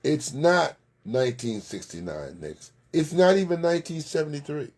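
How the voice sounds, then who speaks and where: A man's voice: a little high, lively intonation, normal speed, darkish tone. A man hosting a local sports recap, chatting casually, giving blunt opinions and greeting viewers by name. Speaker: sports show host. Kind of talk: casual live sports commentary.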